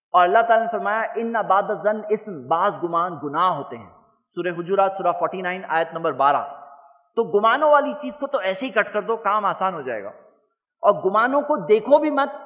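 A man giving a religious lecture to an audience, animated, asking questions and having the crowd repeat his points. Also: sits high, long reverb tail. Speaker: Islamic lecturer.

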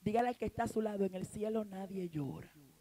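A woman evangelist with a Puerto Rican accent preaching a fervent sermon, rising to shouted bursts of praise. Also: medium pitch, fast. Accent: Puerto Rican Spanish. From Puerto Rico.

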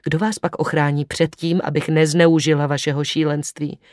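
A man's voice: on the high side, flat delivery, no room sound, clean studio sound, natural voice. A man voicing a proud, imperious young woman in an audiobook, speaking sharply and commandingly. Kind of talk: audiobook reading.

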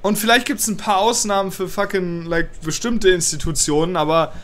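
A young man who has a cold, working as a political commentator, reads out a law text in a small room and comments on it in an agitated, profane rant, slipping in English words. His voice is high and a bit bright, with fairly even intonation and a moderate pace, plus a little hiss or hum on the recording.

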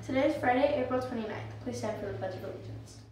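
Girl on the school intercom doing morning announcements, kinda high voice, super echoey and far off. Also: fast talker, darkish tone, soft background music. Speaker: student announcer. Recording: echoey, far from the mic, with noise.

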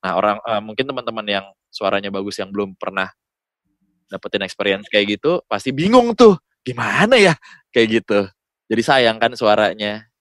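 A young adult man with a Jakarta accent, appearing as a guest voice-over talent, chats casually on a podcast in colloquial speech peppered with English words. His voice is lowish and a bit bright, with fairly even intonation at a normal speed. The sound is clean studio audio with no echo.

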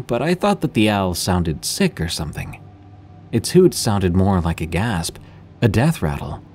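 Narrating scripted horror tales as a podcast host, this man uses a dramatic, storytelling style. His voice is lowish and darkish in tone, with slight background noise.

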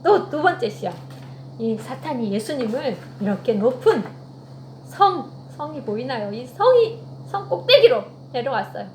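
A woman's voice: sits high, sing-song, normal speed, darkish tone. A woman giving a children's sermon, telling the story with animation and asking the children questions. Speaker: children's ministry teacher. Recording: echoey room with faint hum.

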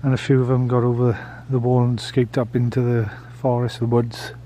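With a dark, flat, medium-pitched voice moving a little fast, this man vlogs his way around an old prison's building and grounds. His commentary is casual, dotted with tentative, reflective asides. Background noise is noticeable on the handheld camera audio.

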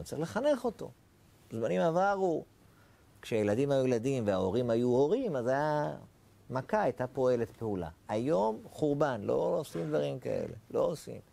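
A man gives a rabbi's Torah lesson in a warm, gravelly voice. His pitch rises and falls widely as he asks rhetorical questions and acts out short dialogues. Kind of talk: Torah lecture.

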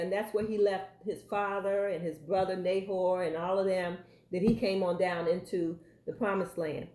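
A woman's voice: mid-range voice, dark tone. A woman leading a Bible study, explaining scripture and checking in with her listeners. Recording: roomy echo.

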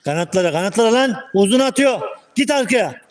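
A man coaching young football players from the sideline, calling out terse commands and quick praise. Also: sits high, animated. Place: outdoor football pitch.

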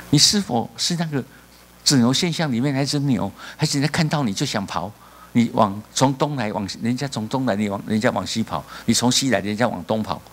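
A man's voice: mid-range voice, a bit bright. Older man preaching in Taiwan. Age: 60s. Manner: storytelling, mixing in Taiwanese phrases and acted dialogue. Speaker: pastor. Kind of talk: sermon. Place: church.

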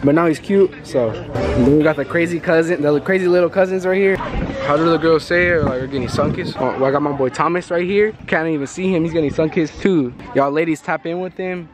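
A young man narrates a family party to his handheld camera outdoors, slangy and upbeat and always ready to laugh. His voice sits a little high for a man, and party music plays behind him. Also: fairly quick. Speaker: vlogger. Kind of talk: casual vlog narration.

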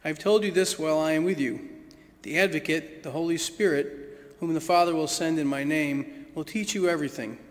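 A man reading the gospel at a church service in a measured, solemn way, his voice ringing with a cathedral echo. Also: fairly high pitch. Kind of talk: liturgical scripture reading. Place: large church. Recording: echoey church heard from a distance.

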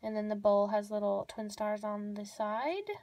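A woman's voice: mid-range voice, steady tone, moderate pace, darkish tone. A young woman with an everyday mid-range voice talks through tiny toy pieces in a casual show-and-tell. She gushes and repeats words for emphasis, and the sound is dry and close with no room echo. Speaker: toy unboxing vlogger. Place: indoors at a table. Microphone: off-camera voice over hands-on tabletop close-up.

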